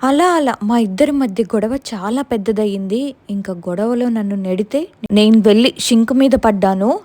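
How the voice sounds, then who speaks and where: A woman's voice: a little high, moderate pace, a little mellow. A young woman with a Telugu accent telling a first-person ghost story in an earnest, tense way.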